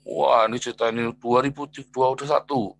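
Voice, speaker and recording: Animated, gravelly-voiced preacher man. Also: medium pitch, brisk. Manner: animated, swings between loud emphatic lines and quiet asides; acts out quoted people in a raised voice. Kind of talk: sermon.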